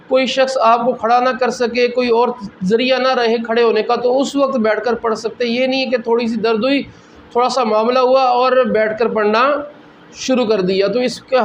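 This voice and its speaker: A man's voice: very high-pitched, lo-fi sound, a little hiss or hum. A man, a mufti, giving a religious lesson, explaining rulings step by step and checking in with "theek hai" between points. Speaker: mufti teaching Islamic law.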